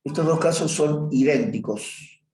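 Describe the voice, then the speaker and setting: A man's voice: a little high, unhurried, a little mellow. Man teaching math in an echoey room. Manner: talking through a graph while drawing, stopping to correct himself. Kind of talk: review class lecture on limits. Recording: roomy echo.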